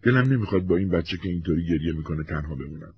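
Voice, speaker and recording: A man's voice: low voice, animated, husky, no room sound, lo-fi sound, heavily acted. A man voicing a young wife who pleads and insists, in a storybook reading. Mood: insistent.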